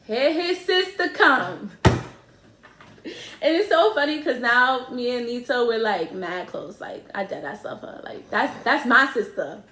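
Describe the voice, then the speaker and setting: A woman's voice: on the high side, lively intonation, normal speed, bright, forceful tone, a little hiss or hum. A young woman, casually and animatedly telling a story to her viewers, laughing and using slang. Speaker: vlogger, co-host with partner. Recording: echoey room.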